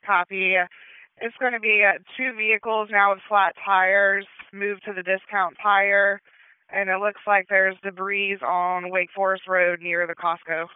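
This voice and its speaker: A man's voice: sits high, little pitch movement, unhurried, clean tone, dry recording. A man dispatching over police radio in a clipped, procedural way. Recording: tinny narrowband police radio.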